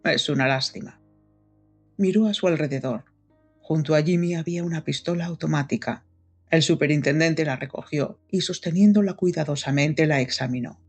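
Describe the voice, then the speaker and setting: A woman reading a mystery novel aloud as an audiobook narrator, in measured, even storytelling. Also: sits low, husky, soft background music. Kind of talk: scripted narration.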